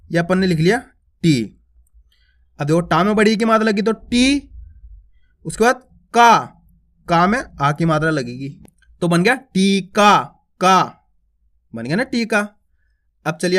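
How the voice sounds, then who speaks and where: In a slow, word-by-word Hindi reading lesson, a man with a high, fairly bright voice says each word twice, drawing out the first, then explains step by step. He calls his viewers friends and asks them questions he answers himself.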